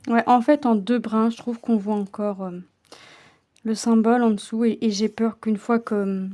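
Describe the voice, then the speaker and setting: Mellow-voiced woman chatting while she stitches. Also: on the high side, steady tone, moderate pace. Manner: stumbles over words, drops into soft whispered asides. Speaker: cross-stitch vlogger. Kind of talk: casual chat while stitching.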